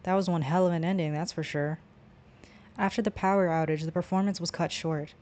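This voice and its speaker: Lower-voiced woman reading a visual novel. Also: steady tone, fairly quick, a little mellow. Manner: reads the narration and the player's lines, stumbling at times. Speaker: streamer.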